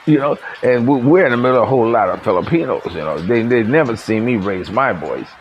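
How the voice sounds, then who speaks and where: Man, gravelly voice, rambling casual vlog monologue, lots of fillers, faint background noise. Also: mid-range voice, lively intonation, fast talker, lo-fi sound. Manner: rambling, many fillers and restarts, laughs at own stories. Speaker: vlogger. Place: living in the Philippines.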